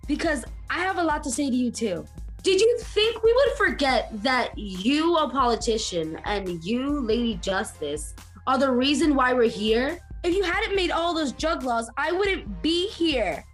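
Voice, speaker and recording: Young woman as an angry jailed addict, high lively voice, stage play. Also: unhurried, soft background music. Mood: accusing. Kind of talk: youth stage theater.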